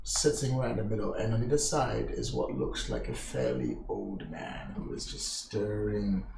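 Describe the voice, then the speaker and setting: A man, running a tabletop game live as game master, with loud, laughing asides. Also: fairly low pitch, normal speed, creaky. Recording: echoey room with background noise.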